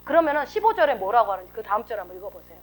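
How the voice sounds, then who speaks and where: A woman pastor delivers a sermon in a high, sing-song voice that leaps up and down. She peppers the congregation with rhetorical questions and bursts into acted-out flashes of temper. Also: very fast. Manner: animated, rhetorical questions, acts out emotional outbursts.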